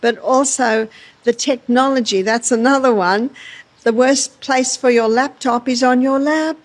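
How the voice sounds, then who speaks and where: Australian woman, health educator, calm explainer, slightly high voice, close dry mic. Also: a little slow, no echo. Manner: calm, explanatory, folksy with frequent laughs. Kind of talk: interview answers.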